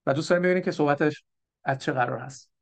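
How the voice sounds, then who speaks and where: A man leading a church Bible lesson, explaining step by step and often checking with the group. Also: a little high. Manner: explanatory, asks the group questions. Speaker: Bible teacher. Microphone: microphone for an online stream.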